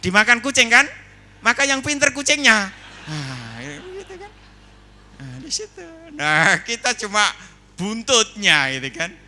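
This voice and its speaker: A man giving a lively, humorous seminar talk indoors, telling stories and putting questions to the audience. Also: high-pitched, unhurried. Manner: animated storyteller, asks the audience questions. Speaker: seminar speaker.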